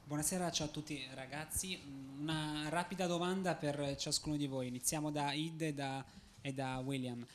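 A man's voice: on the high side, steady tone, moderate pace, few pauses. A man asking questions as a TV reporter at a press conference. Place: press room, indoors. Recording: faint room noise.

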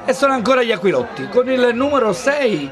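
A man giving breathless, shouted, dramatic football goal commentary, play by play. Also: very high voice, sing-song, brisk, a crowd in the background.

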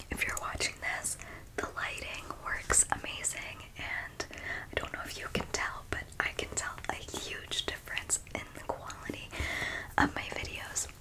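A woman in her twenties hosting ASMR personal attention as whispered role-play, whispering close to the microphone with soft, tingly mouth sounds. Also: low-quality recording. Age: 20s. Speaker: ASMR host. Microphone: close microphone, intimate framing.

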